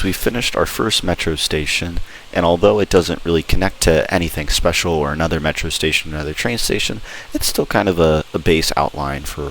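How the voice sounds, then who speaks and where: A man with a deep voice talks viewers through a game in a casual, informal way. He sounds enthusiastic as he explains things. There is audible noise in the recording behind him. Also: a bit bright, poor audio. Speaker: video host. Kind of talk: casual gameplay walkthrough commentary. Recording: clear background noise.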